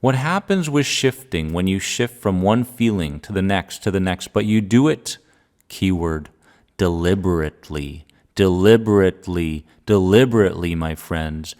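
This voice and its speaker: Calm guy doing a grounding exercise podcast, talks really slow n kinda low, deliberate, pauses a lot. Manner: calm, deliberate, with pauses and repeated phrases for emphasis. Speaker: podcast host and anxiety coach. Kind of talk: calm guided grounding exercise and self-help talk.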